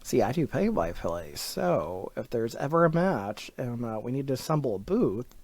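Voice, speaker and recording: A man's voice: medium pitch, sing-song, moderate pace, darkish tone, no room sound. A man hosting an interview podcast, easygoing and jokey, who also does play-by-play commentary. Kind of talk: casual interview chat.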